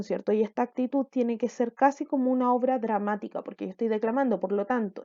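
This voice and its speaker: Female school teacher, recorded lesson for kids, higher voice but mellow and warm, lo-fi dull recording, patient step-by-step explaining. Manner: explains step by step, often checks in with "¿ya?". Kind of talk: recorded online lesson for children.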